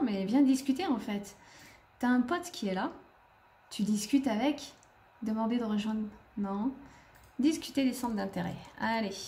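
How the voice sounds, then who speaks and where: In a mellow, medium-pitched voice, a woman who makes gaming videos does chatty let's-play commentary. She talks to the characters on screen while playing.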